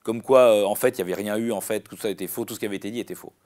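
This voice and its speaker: A man, a comedian chatting in an interview, rambling and animated with many restarts. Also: on the low side, very fast. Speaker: comedian guest. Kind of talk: casual interview chat.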